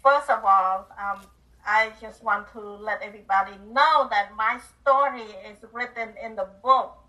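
A woman's voice: on the high side, unhurried, bright, forceful tone, distant mic, rough recording. An older woman from Cambodia, a guest author and speaker, earnestly telling her life story in an interview, with simple phrasing and small grammar slips.

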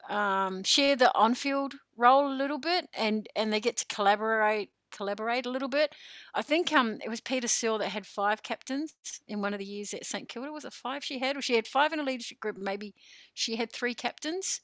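Lively chatty Australian woman. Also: fairly high pitch, moderate pace, no room sound. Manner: animated, chatty, laughs often. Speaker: co-host, football coach. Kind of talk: casual podcast chat.

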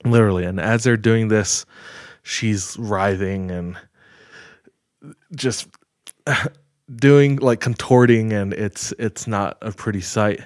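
Podcast host type: man with a low voice, slow and measured, dry close mic. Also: no room sound. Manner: measured, retelling with filler words. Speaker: podcast host telling a story. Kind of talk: casual storytelling chat.

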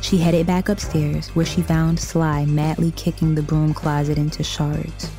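A woman reading a scripted story narration in a measured storytelling manner. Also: sits low, flat delivery, warm tone, faint music behind.

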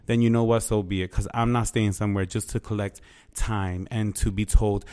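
A man's voice: fairly low pitch, little pitch movement, moderate pace, a little mellow, clear, resonant tone. A man hosting a podcast, telling stories in a casual, profane, slangy rant and acting out both sides of exchanges with sassy animation. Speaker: podcast host. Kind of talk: casual ranting monologue to listeners.

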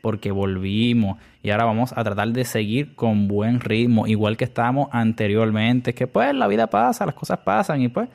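A man's voice: mid-range voice, moderate pace, creaky, hardly any pauses, darkish tone. A young man with a Puerto Rican accent hosting a casual podcast monologue, chatty, with many fillers and English words mixed in. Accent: Puerto Rican Spanish. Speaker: podcast host.

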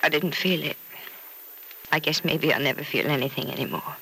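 A woman's voice: sits low, normal speed, sharp tone, rough recording. An actress playing a grief-stricken, despairing young woman patient in a 1940s radio soap opera, with anguished, melodramatic delivery. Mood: numb, bitter. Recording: old radio recording with faint noise.

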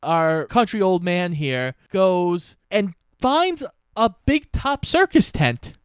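Young guy podcast cohost, pretty high voice, smooth, dry close mic, laid back recap. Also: slow, no echo. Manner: relaxed plot recap, swears casually. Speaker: podcast co-host. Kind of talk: casual movie review chat.

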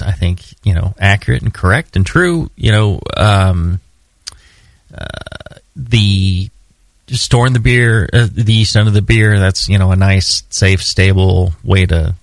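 Man, podcast co-host, deep-ish, gravelly, rambling, filler-heavy, dry studio sound. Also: dry recording. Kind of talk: casual podcast chat.

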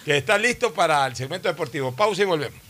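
A man's voice: on the high side, expressive, fast, sharp tone. A man hosting a radio talk show, chatting with a guest in an encouraging tone with hesitant restarts. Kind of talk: casual interview chat.

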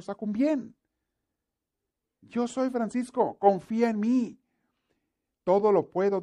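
A man preaching a sermon voices God as a mighty, commanding male presence, using a high, warm voice that's pushed up. He speaks in solemn, proclaiming phrases and keeps repeating one name.

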